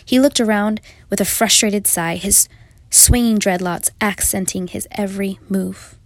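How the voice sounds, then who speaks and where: A woman's voice: medium pitch, a little slow, no room sound. Reflective woman narrating a memoir. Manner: reflective, confessional. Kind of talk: first-person memoir narration.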